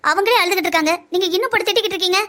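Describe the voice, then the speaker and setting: A woman voicing a sharp-tongued, scheming young woman who pushes and coaxes her family in a cartoon drama. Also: very high-pitched, racing. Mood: coaxing. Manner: pushy, coaxing.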